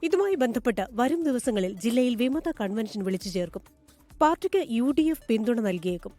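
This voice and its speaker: A woman reporter reading a scripted news voice-over in a measured, formal way. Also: a little high, lively intonation, mellow, faint music behind.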